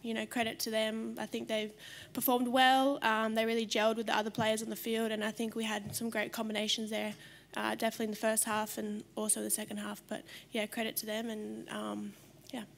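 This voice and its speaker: Australian woman footballer, flat steady answers. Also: on the high side, vocal fry. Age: young adult. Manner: measured, many fillers, trailing off at ends. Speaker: footballer at press conference. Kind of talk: post-match press answers. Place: press conference room in front of sponsor board. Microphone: desk microphone on stand.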